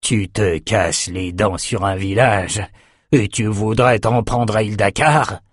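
A wrathful tyrant king of sea raiders, voiced by a male reader in a spoken storybook, snarling contempt at his beaten men. His voice is a bit husky and sits in the middle range, recorded close and dry with no room around it. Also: fairly low pitch, unhurried, no echo. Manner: roaring, menacing. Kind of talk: audiobook character voice.

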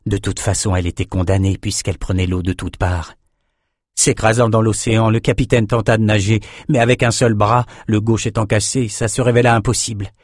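A man reading a fantasy novel aloud as an audiobook narrator, in a steady, measured way. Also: lowish voice, no echo, clean studio sound. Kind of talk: scripted narration.

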